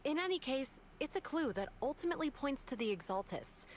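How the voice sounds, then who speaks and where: A woman's voice: high-pitched, animated, fairly quick, slight background noise. An actress playing a composed female investigator who explains the case steadily. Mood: determined.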